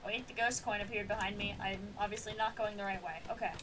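A woman's voice: mid-range voice, fairly even intonation, fast. A young woman streaming a game, chatting casually and reacting aloud with amused comments. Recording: distant mic with clear noise.

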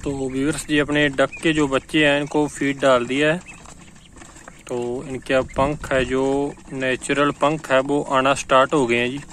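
An Indian poultry farmer with a Rajasthani Hindi accent gives a casual walk-through vlog of his farm, holding the phone camera himself while chatting to viewers and pointing things out. He speaks unhurriedly in a mid-range, slightly bright voice with little pitch variation. Faint outdoor noise and clucking chickens and birds fill the background.

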